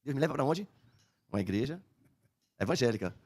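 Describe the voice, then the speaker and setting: An older man with a Brazilian accent, a podcast guest giving a personal testimony in animated storytelling, acting out the people he quotes. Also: medium pitch, fairly quick, slightly rough.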